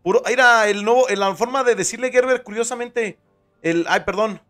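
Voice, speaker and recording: A man's voice: high voice, normal speed, sharp tone, faint music behind. A young man with a Mexican Spanish accent, commentating his horror gameplay in slangy, joking casual talk. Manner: joking, slangy, tags lines with "men". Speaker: streamer playing a horror game.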